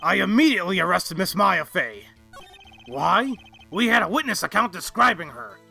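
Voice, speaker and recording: A man's voice: sits high, sing-song, moderate pace, creaky, sharp tone, breathy edge, faint music behind, heavily acted. A man voicing a bumbling, eager-to-please homicide detective in a game fandub, deferential and blustering. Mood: earnest testimony. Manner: deferential, blustering, ending sentences with "sir". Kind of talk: game fandub character acting.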